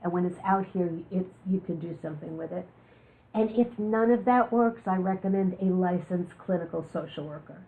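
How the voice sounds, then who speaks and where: A woman with a lowish voice speaks at a normal pace, giving a talk about living with chronic illness. She tells candid personal stories and cracks jokes along the way. The audio is lo-fi and sounds like it came through a phone.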